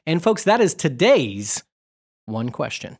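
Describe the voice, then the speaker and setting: A man's voice: on the high side, very animated, takes it slowly, noisy background. A young adult man co-hosting a podcast in casual, upbeat, joking chat. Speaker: podcast co-host.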